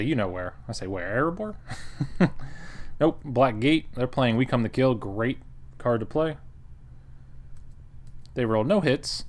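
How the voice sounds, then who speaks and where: Guy casually recapping a board game match, wry, chuckles a lot, normal mid voice. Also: medium pitch. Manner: wry, chuckling, acts out table quotes.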